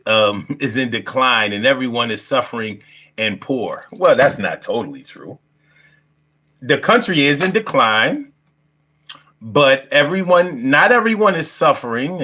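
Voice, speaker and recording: In a pushed, bright, mid-range voice, a man in his fifties runs a casual livestream. He talks in a brash, profanity-heavy street style, full of slang, and repeats phrases to drive his points home.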